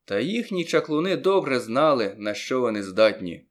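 With a medium-pitched voice, a man performs a first-person story as an audiobook reader. His delivery is animated, and he lingers slowly over certain words for effect.

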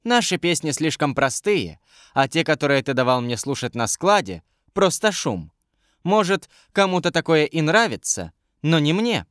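A man's voice: a little high, very animated, normal speed, a bit bright, dry recording, clean studio sound, pitched above the performer's own voice. A man reading an audiobook, voicing a curious, commanding young queen with a lightly raised voice. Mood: dreamy.

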